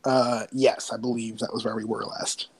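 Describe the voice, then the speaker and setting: A man playing a tabletop game in quick, chatty talk full of fillers. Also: mid-range voice, flat delivery, slightly rough, no echo. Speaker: player. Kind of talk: casual tabletop play.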